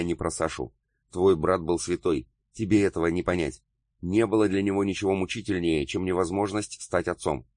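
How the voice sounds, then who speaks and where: Audiobook: male reader doing a haughty older widow, firm, low-pitched, dry close read. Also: darkish tone, no echo, natural voice. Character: stern proud older woman, a widow defending her late husband.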